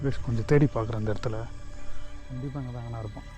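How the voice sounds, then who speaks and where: A man's voice: medium pitch, steady tone, rapid-fire. A man vlogging outdoors at night, talking tensely to his viewers. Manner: tense, addresses viewers as guys. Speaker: ghost-hunting vlogger. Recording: lo-fi, slightly distant, loud music behind.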